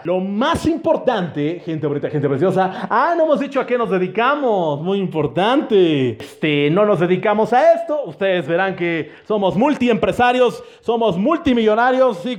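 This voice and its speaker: A Mexican man in his thirties hosts a comedy podcast by himself with a high voice. He is playful and loud and talks to his listeners directly. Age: 30s. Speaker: podcast host. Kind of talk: solo comedic podcast chat.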